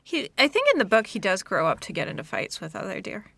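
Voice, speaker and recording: A woman co-hosting a casual book podcast, dropping wry, deadpan asides. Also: medium pitch, quick pace, gravelly, no echo. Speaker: podcast co-host.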